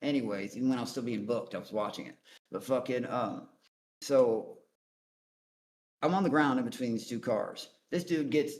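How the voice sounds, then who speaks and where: A man's voice: medium pitch, normal speed, darkish tone. A man guest on a call-in interview, telling his story in a blunt, profane, rambling way. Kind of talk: casual storytelling.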